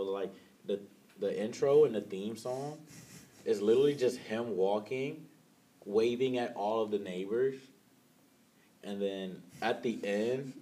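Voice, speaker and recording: A man's voice: lowish voice, mellow. A young man in casual chat, rambling through a story with lots of "like" and acting out what people said. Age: young adult. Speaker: college student telling a story.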